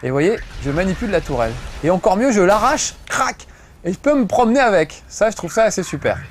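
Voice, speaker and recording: A middle-aged man with a high, expressive voice offers joking, chatty gameplay commentary while playing a video game, swearing casually. He talks fairly quickly, with slight background noise.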